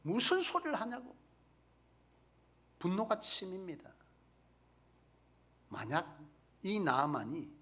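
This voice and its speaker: A man preaching a sermon in a high, bright voice that leaps up and down in pitch. He presses his points with rhetorical questions to the congregation. His delivery moves between loud emphatic bursts and near-whispers. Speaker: pastor.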